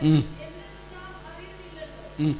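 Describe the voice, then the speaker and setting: A pastor preaches a fervent Pentecostal sermon before a congregation in a church hall, urging them to repeat lines aloud in call-and-response. He speaks extremely slowly in a warm tone, with faint music behind him.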